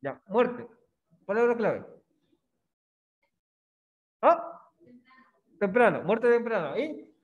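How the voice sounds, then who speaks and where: Lively high-voiced teacher, muffled. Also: male voice, very slow, pauses often. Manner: coaxing, questions students with frequent "¿ya?". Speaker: language teacher. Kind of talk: classroom lesson on reading poetry.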